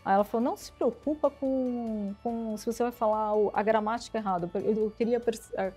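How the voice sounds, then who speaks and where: Lively woman telling stories. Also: medium pitch, fast talker, soft background music. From São Paulo, Brazil. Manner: lively storyteller acting out quoted dialogue. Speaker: interview guest, IT executive. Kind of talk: casual storytelling interview.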